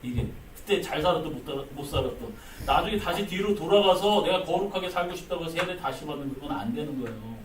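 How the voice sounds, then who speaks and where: A man preaching a lively sermon as pastor, acting out the quoted speech of the figures in the text. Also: on the high side, fairly quick, hardly any pauses, slight background noise. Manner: animated, acts out quoted speech. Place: church sanctuary. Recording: echoey church hall, mic at a distance.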